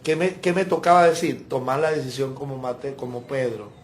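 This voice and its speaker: A man's voice: mid-range voice, steady tone, normal speed, slight background noise. A male pastor, preaching a sermon in an emphatic storytelling way and acting out the voices he quotes.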